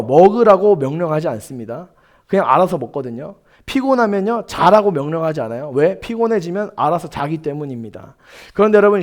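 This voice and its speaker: A man's voice: fairly high pitch, a little mellow. A man preaching a sermon to a young adult congregation. He speaks emphatically, fires rhetorical questions at his listeners and repeats his key points. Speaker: pastor. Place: church sanctuary.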